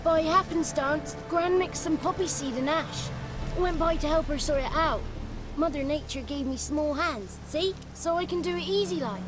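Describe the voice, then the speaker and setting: With an extremely high pitch at a moderate pace, a male actor plays a jittery, impish little goblin recounting his tale in rustic, homespun fashion. The fretful character comes through over loud music in the game audio.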